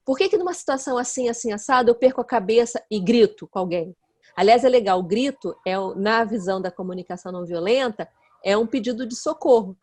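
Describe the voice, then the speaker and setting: A woman, a guest expert who explains her ideas earnestly in relaxed conversation and often checks in with her listener. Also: a little high, quick pace. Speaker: guest expert in nonviolent communication.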